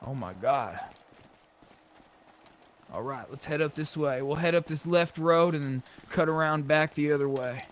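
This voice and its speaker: Speaking a little slowly with long pauses, a man with a voice on the high side chats casually in character. He's playing an online zombie survival roleplay, heard through clearly noisy game voice chat.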